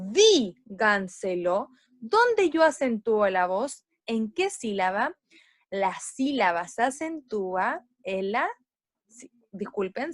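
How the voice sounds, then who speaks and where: Lively teacher woman, syllable-stressing. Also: on the high side, no room sound, studio quality. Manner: slow, stressed syllables when modeling words. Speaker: primary school teacher. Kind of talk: explanatory lesson for children.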